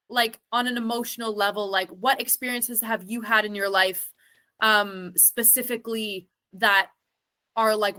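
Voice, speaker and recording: A woman's voice: mid-range voice, bright, forceful tone. A woman talking as an interview guest, thinking aloud in a rambling way with lots of filler words. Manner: thoughtful, rambling, many "like" fillers. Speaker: interview guest, singer and actor. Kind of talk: casual interview chat.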